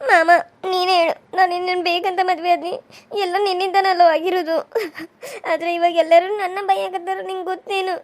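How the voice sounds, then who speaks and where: A woman's voice: extremely high pitch, flat delivery, fast talker, hardly any pauses. A woman voicing a tearful young wife in a cartoon serial, crying and pleading. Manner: sobbing, pleading.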